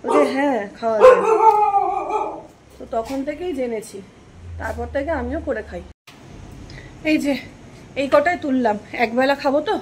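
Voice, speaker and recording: A young woman vlogs in speech, her voice high and bright. She talks to her viewers casually and keeps asking them questions. The phone recording picks up plenty of background noise. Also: normal speed, long pauses. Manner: chatty, addresses viewers directly with questions. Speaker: vlogger. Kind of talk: casual vlog narration.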